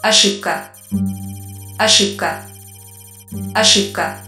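A woman voicing a malfunctioning computer system that keeps repeating clipped error alerts in a flat, mechanical way. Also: medium pitch, takes it slowly, reverberant, loud music behind the voice. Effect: glitching machine voice, repeating error alerts. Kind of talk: audio drama machine announcements.

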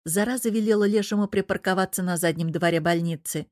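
A woman narrating an audiobook in a steady storytelling manner. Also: on the low side, fast talker, no room sound, studio quality.

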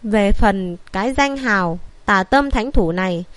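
A woman's voice: mid-range voice, animated, a little slow, no echo, natural voice. A woman reading an audiobook voices a young man who poses as a famous healer and speaks in a cool, offhand way. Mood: aloof.

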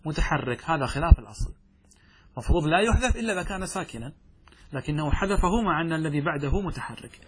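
A man with a fairly high, husky voice teaches grammar in a classroom style. He poses questions to his listeners and slows down to recite lines of verse. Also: expressive. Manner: asks students questions, recites verse slowly. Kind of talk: classroom lesson explaining grammar.

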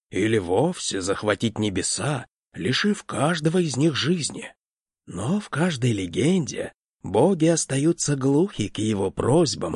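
A man voicing a calm, sly pipe-smoking storyteller who recounts an old legend in an unhurried, hushed way. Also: medium pitch, breathy edge, dry recording, studio quality, exaggerated voice. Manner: unhurried, hushed, matter-of-fact.

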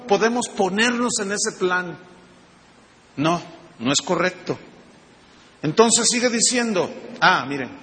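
A man preaches a sermon in a high, bright, forceful voice. He peppers his listeners with rhetorical questions and delivers each point with energy. His voice rings out with a long reverb, as in a large church hall. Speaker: pastor.

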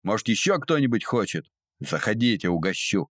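A man's voice: on the low side, big pitch swings, normal speed, dry recording, clean studio sound. A man voicing a furious, defiant young woman held captive, who shrieks and hisses her threats. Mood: furious screaming. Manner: shrieking, hysterical.

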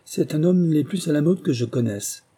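A man voicing an impatient, fussy gentleman of fashion in a read novel. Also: a little high, lively intonation, moderate pace, breathy edge, voice pushed up.

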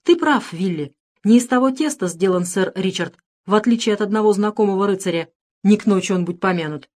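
A woman's voice: medium pitch, fairly quick, a little mellow, lightly acted. A woman reading a storybook, voicing a bold, cheerful male outlaw leader who gives orders. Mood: commanding. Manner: commanding, jovial.

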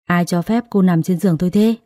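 A woman's voice: fairly low pitch, brisk, warm tone, no echo, studio quality, close to an everyday voice. Woman doing an arrogant young master. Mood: cold. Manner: curt, scolding.

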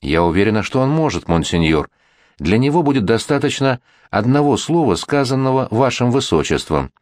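A man's voice: mid-range voice, big pitch swings, moderate pace, darkish tone, no echo, clean studio sound, pitched above the performer's own voice, close to an everyday voice. A man voicing a virtuous young bride-to-be who pleads with a prince. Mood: earnest.

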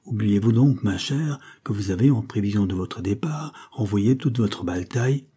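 A man's voice: on the low side, moderate pace, mellow, slightly rough. A man reading an audiobook, voicing a cynical male viscount who speaks coldly and offhandedly. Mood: cool. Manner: cold and offhand. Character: cool, cynical male viscount, former tenor.

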